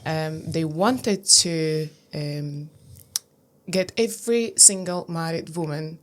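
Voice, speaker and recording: A woman's voice: sits low, slow pace. A woman in her thirties from Lithuania with a Lithuanian accent, speaking English as a second language in an interview, hesitant with many fillers. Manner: hesitant, many fillers, non-native grammar. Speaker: guest, pageant titleholder. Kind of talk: interview answers.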